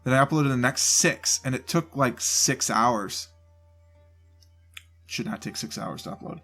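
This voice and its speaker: Over soft background music, a gaming channel host with a cold speaks in a stuffed-up, bright, forceful mid-range voice with lively intonation, a little slowly. He rambles loosely through a channel update on his home desk mic, voice only, often interrupting himself.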